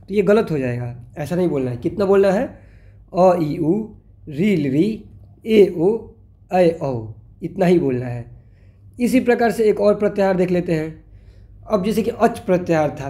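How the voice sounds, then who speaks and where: A man's voice: sits high, mellow. A male teacher giving a grammar lesson, asking questions and answering them himself while spelling out letters one by one. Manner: explanatory, asks and answers own questions.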